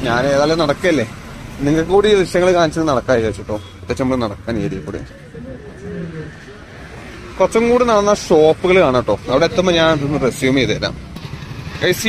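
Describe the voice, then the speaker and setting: A man walks a busy outdoor street, chatting casually to his viewers as he films on a phone with no external mic. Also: a little high. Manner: chatty, addresses viewers as guys. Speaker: vlogger. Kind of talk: casual walking vlog. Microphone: phone camera, no external mic. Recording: phone recording with loud street noise. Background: street traffic and passers-by.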